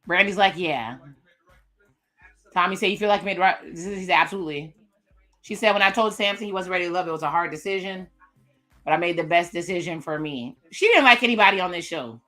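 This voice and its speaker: Bright-voiced woman recapping a dating show. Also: lowish voice, brisk, faint music behind. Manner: casual, recaps what cast members say, chatty asides. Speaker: reaction video host. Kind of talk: live reaction commentary.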